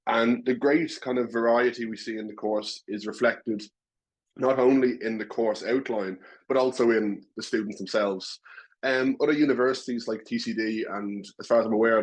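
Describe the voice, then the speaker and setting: Poor audio carries a low, slightly breathy male voice with a Dublin Irish accent. The speaker is a young man from Ireland, a current student addressing a webinar, and he is sincere, verbose and self-mocking.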